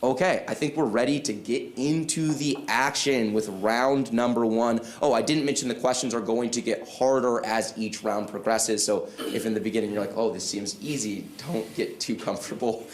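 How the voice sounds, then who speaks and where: A man hosting a live trivia game show on an event stage, upbeat and explaining the rules clearly. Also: medium pitch, steady tone, normal speed, few pauses, reverberant, a little hiss or hum.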